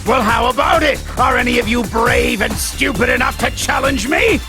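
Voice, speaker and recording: A man voicing a pompous, scheming mad doctor villain in a video game cutscene, booming out taunts and gloating. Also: moderate pace. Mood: triumphant, taunting. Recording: loud music under the voice.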